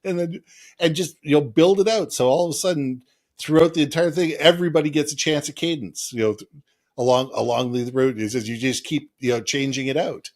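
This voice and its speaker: A man's voice: fairly high pitch, a little fast, a little mellow. Man co-host explaining with analogies. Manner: thoughtful, explains with analogies and restarts. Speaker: podcast co-host. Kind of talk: casual chat.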